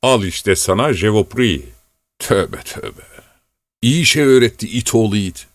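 A man's voice: mid-range voice, measured pace, no room sound, voice pushed up, natural voice. A man voicing a devoted old male servant who scolds, frets and pleads tearfully. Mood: scolding. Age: older. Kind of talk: audiobook character voice.

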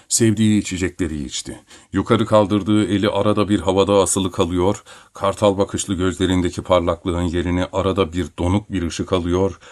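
A man reads a literary story aloud as audiobook narration. His voice sits low and deep, and his delivery is measured and solemn. The sound is dry and close, with no room echo. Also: darkish tone.

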